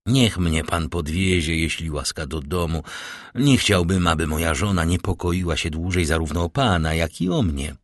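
A man's voice: low-pitched, moderate pace, no room sound, clean studio sound, lightly acted. A man reading the part of a cheerful, polite young husband. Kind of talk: audiobook character reading.

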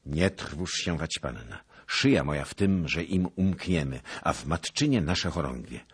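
A man voicing a small, calm knight who speaks in clipped, firm commands in an audiobook. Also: extremely low pitch, a little slow, husky, full character voice. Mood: calm reassuring. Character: small, steady male knight, terse and calm.

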